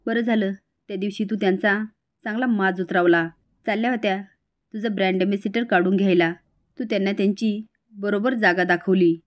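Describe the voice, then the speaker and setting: A woman's voice: mid-range voice, steady tone, brisk, no room sound, studio quality, lightly acted. A woman voicing a chatty older housemaid gossiping in the kitchen in a retold TV serial. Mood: gossipy.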